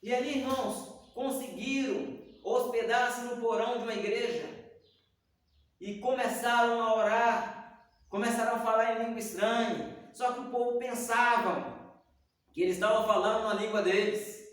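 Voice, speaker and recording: In an echoey hall, a Sunday school teacher with a very high voice tells Bible stories at a moderate pace, vividly playing out the dialogue. The microphone is placed at a distance.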